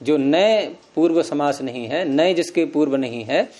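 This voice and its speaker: A man's voice: on the high side, measured pace, darkish tone. A man teaching Sanskrit grammar, explaining step by step and quizzing his students with questions. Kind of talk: classroom lecture.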